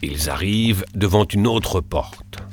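A man narrating a children's adventure story in an expressive reading. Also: deep voice, slow pace, faint music behind.

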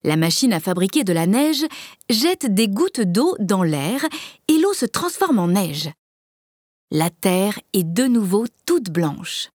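A woman reading a children's story aloud with clear, measured storytelling. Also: mid-range voice, big pitch swings, darkish tone, no room sound, clean studio sound. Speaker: narrator.

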